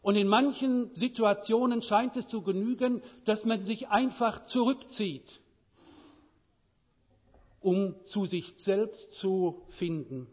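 A man preaching a sermon, with a measured delivery and many rhetorical questions. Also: sits high, breathy edge, long reverb tail, muffled recording.

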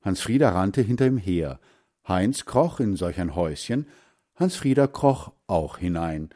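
A man slowly reading a children's story aloud with expressive delivery. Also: low voice. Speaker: narrator.

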